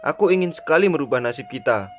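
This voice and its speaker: An earnest young village man played by a male actor speaks with humble, theatrical formality in a radio drama. His voice is mid-pitched, with light music in the background. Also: animated, fast, lightly acted. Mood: pleading, devoted.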